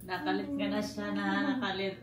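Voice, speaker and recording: A woman's voice: mid-range voice, brisk. A woman making brief offhand remarks from across the room. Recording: distant, echoey, noisy.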